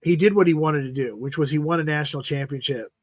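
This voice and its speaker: A man's voice: on the high side, quick pace, no echo. Rambling fifties man on a dry mic. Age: 50s. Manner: rambling, repeats "freaking", trails off mid-sentence. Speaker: livestream host. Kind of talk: casual sports chat.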